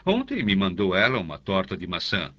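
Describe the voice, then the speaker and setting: A man's voice: deep voice, huge pitch swings, brisk, highs cut off, full character voice. A man voicing a pompous, self-satisfied older canon priest in an audiobook, speaking in a confidential, lingering way. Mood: smug. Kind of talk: audiobook character voice.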